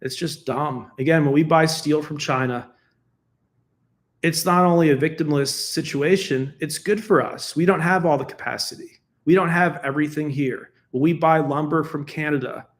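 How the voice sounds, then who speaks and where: Speaking at normal speed in a voice that sits on the high side, an American man delivers solo political commentary. His casual, defensive arguing is broken up by laughter, fillers and restarts.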